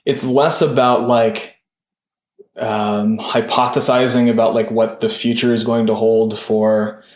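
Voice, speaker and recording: A man's voice: medium pitch, little pitch movement, unhurried, darkish tone. A young man being interviewed on a podcast, talking in a loose rambling way full of "sort of" and "like". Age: young adult. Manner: rambling, lots of "sort of" and "like" fillers. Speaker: podcast guest, tech founder. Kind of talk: casual interview talk. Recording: roomy, dull lo-fi sound.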